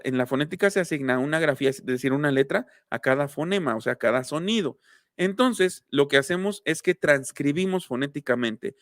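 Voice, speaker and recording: A man's voice: a little high, a bit bright, no echo, studio quality. Casual man teaching phonetics. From Mexico. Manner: casual and chatty, greets viewers mid-lesson. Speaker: linguistics teacher. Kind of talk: live-streamed lesson.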